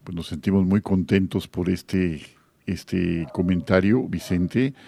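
A man's voice: sits low, fairly even intonation, takes it slowly, vocal fry, slightly rough. A man with a Mexican accent hosting a live faith radio call-in show, speaking in a friendly pastoral way with many fillers. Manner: warm pastoral tone, frequent fillers. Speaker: radio host.

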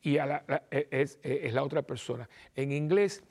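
Gravelly priest. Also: male voice, fairly high pitch, moderate pace. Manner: animated, acts out little dialogues and repeats phrases for emphasis. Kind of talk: televised sermon talk.

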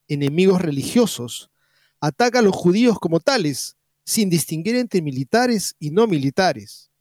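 A man reading a news article aloud in a steady, formal way. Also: a little high, no room sound, studio quality. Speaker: article reader.

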